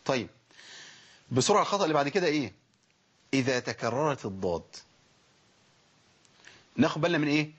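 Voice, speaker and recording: A man with an Egyptian Arabic accent teaching Quran pronunciation in a lively lesson, stretching out example words slowly as he demonstrates them. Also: on the high side, husky, muffled recording.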